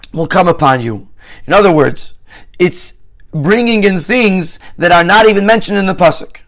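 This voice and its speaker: A man's voice: high-pitched, a bit bright. A man teaching a Torah commentary lesson, laying out numbered questions methodically and often restarting his phrases as he works through the text.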